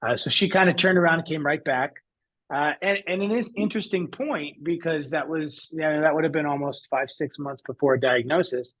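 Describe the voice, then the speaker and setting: A man's voice: a little high, brisk, a bit bright, low-quality recording. A man as an interview guest, telling his own story in an earnest, reflective way. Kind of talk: conversational interview.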